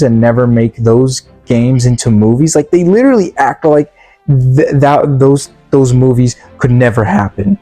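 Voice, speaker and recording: A video reviewer rants casually about a movie, full of opinions, sounding exasperated and halting and often repeating words. The voice is mid-range and warm.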